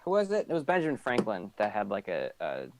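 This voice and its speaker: Speaking in character during a live-streamed tabletop game, this player hesitates constantly, with many ums and trailing-off phrases. His voice runs on the low side with huge pitch swings, he talks fast, and there's background noise.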